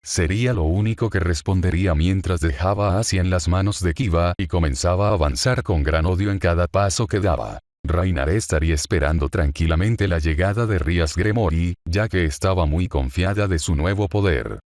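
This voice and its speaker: A man narrating a fan story in a steady, dramatic storytelling manner. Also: low-pitched, normal speed, hardly any pauses, no room sound, clean studio sound.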